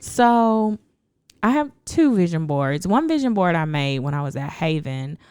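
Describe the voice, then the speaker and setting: A woman hosting a podcast in casual chat, speaking in a measured, deliberate radio voice. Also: fairly low pitch, very animated, a little mellow, clear, resonant tone, dry recording, studio quality. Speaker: podcast host.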